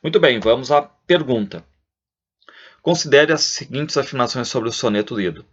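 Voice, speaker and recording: A man's voice: mid-range voice, normal speed, husky. A man with a Brazilian Portuguese accent, a literature teacher going over exam answers in a video lesson, asking questions and answering them himself. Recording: dull lo-fi sound.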